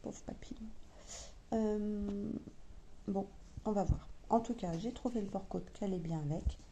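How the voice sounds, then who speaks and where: A French-accented woman talks her viewers through a sewing project, pausing often to think aloud and hesitating over her words. Her voice is mellow and her pace unhurried. A faint hum sits in the background. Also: medium pitch. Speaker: sewing vlogger. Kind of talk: casual chat to camera.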